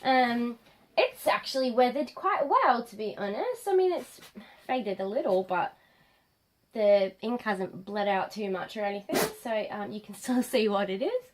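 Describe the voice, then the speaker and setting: A woman in her late twenties, nasal from a cold, chatting to camera as a vlogger, rambling with many pauses and ums. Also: fairly high pitch, expressive, a little hiss or hum. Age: late 20s. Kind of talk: casual chat to camera.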